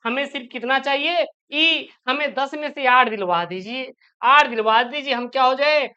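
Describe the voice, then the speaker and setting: Brief: pleading rustic schoolboy type, smooth clear voice, a bit high, played by a male teacher, lo-fi sound. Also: moderate pace, bright, forceful tone, heavily acted.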